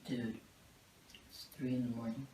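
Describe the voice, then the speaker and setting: Amateur man as a timid club owner, flat low mumble, dark tone. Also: moderate pace, natural voice, poor audio. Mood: nervous. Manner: quiet, hesitant mumbling. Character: nervous young male club owner.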